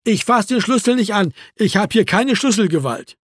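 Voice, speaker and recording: Guy doing a high sing-songy dopey neighbor, stubborn and whiny, dry sound. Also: animated, fairly quick, no room sound. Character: dim-witted chatty male neighbor, stubborn.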